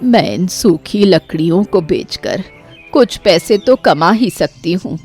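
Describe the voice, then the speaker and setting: A woman voicing a grieving older village mother in an animated story, pleading and emotional, turning to anger when wronged. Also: fairly low pitch, takes it slowly, husky, soft background music, full character voice. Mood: grieving, defiant.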